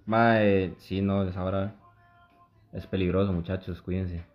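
A man's voice: low-pitched, fairly even intonation, unhurried, soft background music. A young man with a Costa Rican accent hosting a podcast, chatting casually in slang, laughing often and trailing off mid-sentence. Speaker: podcast host. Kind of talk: casual chat. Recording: muffled lo-fi audio.

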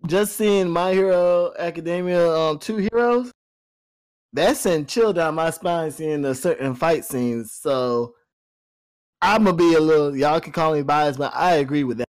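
A man's voice: on the high side, measured pace, clean tone, low-quality recording. A man in a casual chat, slangy and defiant, with playful bravado.

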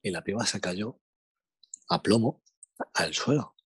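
A young man from Spain with a Spanish accent, telling a slangy, animated anecdote in casual chat. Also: lowish voice, measured pace, breathy edge, no echo. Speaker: storyteller.

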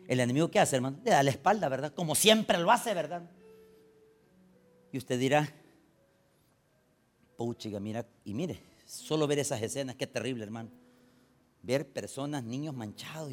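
A man preaching a sermon, swinging between loud urgent lines and low confiding storytelling. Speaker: pastor.

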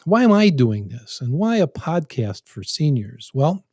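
A man's voice: fairly high pitch, very animated, unhurried, darkish tone, dry recording, studio quality. A man in his seventies hosting a podcast, talking in a folksy, joking, conversational way. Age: 70s. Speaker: podcast host. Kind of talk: casual podcast introduction with jokes.

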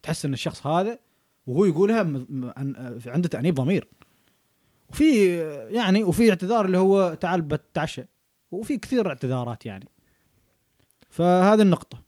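Man, podcast co-host, quick and slightly high voice, dry close sound, keeps checking you follow. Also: very animated, dark tone, dry recording. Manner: explains points with frequent checks for understanding. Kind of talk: casual chat.

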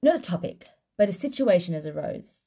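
A woman's voice: on the low side, big pitch swings, a little fast, mellow, slightly rough. A woman co-hosting a casual, joking chat. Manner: informal, joking. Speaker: podcast co-host.

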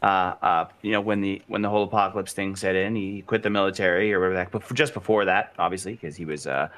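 A man's voice: low voice, fast. A young man co-hosting a podcast, rambling in casual chat with lots of fillers. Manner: animated, rambling, filler-heavy. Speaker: podcast co-host.

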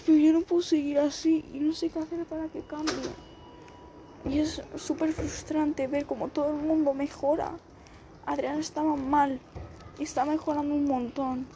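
Woman from Spain, high voice, near tears, halting confessional monologue, noisy background. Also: flat delivery. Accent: Spain Spanish. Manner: halting, repeats and restarts her phrases. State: close to tears. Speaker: vlogger. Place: outdoors, people passing by.

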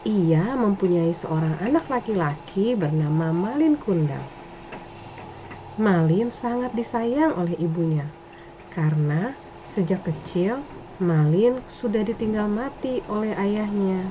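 A woman's voice: mid-range voice, expressive, unhurried. A woman storyteller reading a scripted folktale narration. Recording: dull lo-fi with faint noise.

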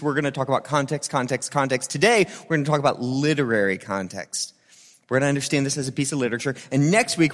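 A man's voice: sits high, fairly bright tone. A man preaching a sermon, teaching scripture with dramatic emphasis, repeated phrases and informal asides. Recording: long reverb of a large hall.

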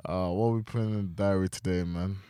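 A young man co-hosting a casual podcast, animated and slangy. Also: deep voice, quick pace, smooth, no echo. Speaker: podcast co-host. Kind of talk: casual chat.

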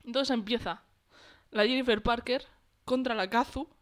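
A woman in casual chat, telling a story in an animated, gossipy way with many fillers. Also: on the high side, normal speed.

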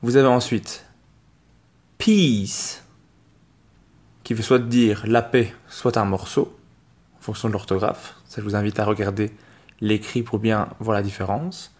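A man co-hosting a podcast, teaching English pronunciation to French speakers and repeating each word pair slowly and carefully. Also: lowish voice, fairly even intonation, darkish tone. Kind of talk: slow, careful pronunciation lesson.

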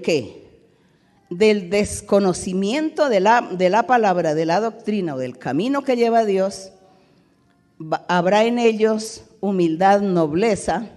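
A woman teaching a Bible study in sermon style, preaching slowly and emphatically, drawing out key words. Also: mid-range voice, darkish tone. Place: large church auditorium. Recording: long reverb of a large hall.

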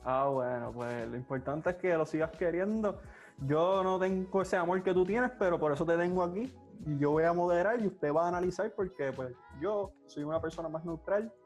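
A man's voice: sits high, normal speed, darkish tone, faint music behind. A man with a Puerto Rican accent hosting a podcast with enthusiasm, presenting and moderating in an upbeat style.

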